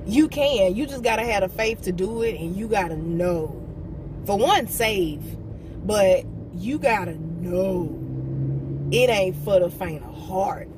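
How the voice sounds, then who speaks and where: Assertive woman vlogging from her car. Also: fairly low pitch. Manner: casual, assertive, talks straight to viewers. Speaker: motivational vlogger. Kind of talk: candid car vlog. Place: parked car, daytime. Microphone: phone camera on the dashboard. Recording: phone mic a little far off, loud car and street noise. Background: car and outdoor traffic noise.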